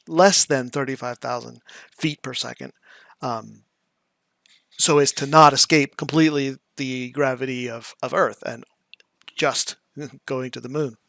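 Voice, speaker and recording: A middle-aged man giving a casual explanatory lesson, presenting like a teacher and halting now and then as he thinks aloud. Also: mid-range voice, creaky, fairly bright tone, dry recording. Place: small indoor room.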